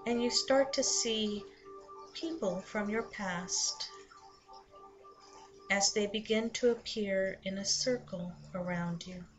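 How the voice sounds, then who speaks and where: A woman narrates a guided meditation in a soothing, measured manner, with lingering pauses between short phrases. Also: mid-range voice. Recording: muffled lo-fi sound under loud music. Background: loud background music.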